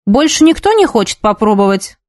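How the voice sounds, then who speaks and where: A woman voicing a calm, firm female boarding-school supervisor in a storybook reading, speaking in a level, gently firm way. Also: fairly high pitch, brisk, no room sound, clean studio sound.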